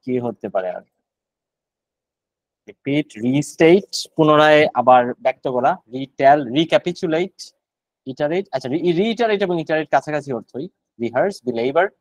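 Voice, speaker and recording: A man's voice: a little high, animated, a little slow, no room sound, rough recording. A man with a Bangladeshi accent leading a casual online vocabulary lesson, thinking aloud and searching for words. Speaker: vocabulary session leader.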